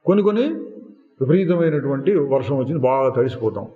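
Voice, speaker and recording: A man giving a slow, deliberate spiritual discourse, asking rhetorical questions and singing lines of verse now and then. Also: mid-range voice, sing-song. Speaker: spiritual teacher. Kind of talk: satsang discourse. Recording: echoey hall, phone-like lo-fi sound.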